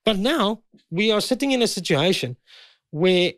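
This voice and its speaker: A man's voice: sits high, expressive, moderate pace, no room sound, clean studio sound. Emphatic South African man in his fifties. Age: 50s. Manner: emphatic, repeats his points. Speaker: guest. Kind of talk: heated conversation.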